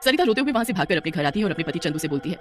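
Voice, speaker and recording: A woman narrates a scripted cartoon story at a very fast clip. Her voice sits in a mid range, and soft music runs under the narration. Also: lowish voice, very animated. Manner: brisk storytelling.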